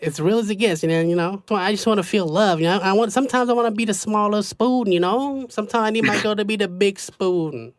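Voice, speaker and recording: A man chats casually as a podcast host. His voice sits a little high and is recorded dry and close. He talks in loose slang and often drops in "you know". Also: quick pace, few pauses, dry recording. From United States. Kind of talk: casual chat.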